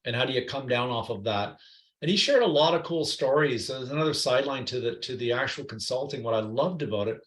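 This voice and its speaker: Guy telling stories on a podcast, gets animated, kinda echoey room. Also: medium pitch, quick pace. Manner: lively, animated anecdotes with quoted voices. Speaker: guest. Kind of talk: storytelling interview chat. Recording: roomy echo.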